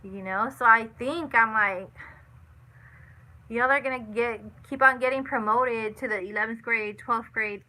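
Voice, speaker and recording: A chatty woman in her thirties with a bright, fairly high voice. She hosts a casual live chat, talks loosely, repeats herself and keeps adding "you know". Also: unhurried, poor audio. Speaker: livestream host. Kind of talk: casual live chat reading viewer comments.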